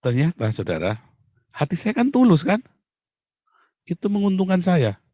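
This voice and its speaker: A man preaching a sermon in a chatty, lively way, laughing often and calling listeners "saudara". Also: sits high, moderate pace, dry recording, studio quality.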